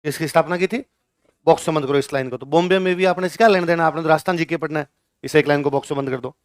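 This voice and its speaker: Male teacher, lecture, quizzes students, fairly high voice, crisp, dry close mic. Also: racing, no echo. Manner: asks the class questions and answers them himself. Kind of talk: classroom lecture.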